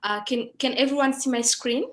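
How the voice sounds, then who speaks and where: A woman from Rwanda, presenting a medical lecture over a video call and pausing often with ums. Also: high voice, low-quality recording. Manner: hesitant, frequent ums and uhs. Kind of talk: online conference presentation.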